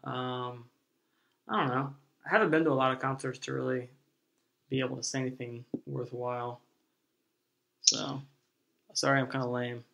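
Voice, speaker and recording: A man's voice: medium pitch, fairly even intonation, normal speed, vocal fry, pauses often, fairly bright tone. A man in casual podcast chat, hesitant and self-deprecating, with many ums.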